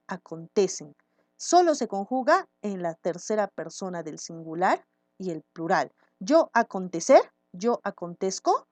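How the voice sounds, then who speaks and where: A woman's voice: mid-range voice, darkish tone, no room sound. Woman teacher explaining a grammar lesson. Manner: explains patiently, often checking with "¿sí?".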